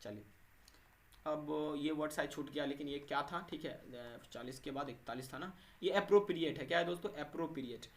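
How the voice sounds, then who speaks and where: A man's voice: fairly high pitch, a little fast. Hindi-speaking man teaching English words. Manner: repeats 'thik hai' and 'doston' after each point, asks and answers his own questions. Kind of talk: exam-prep vocabulary lesson.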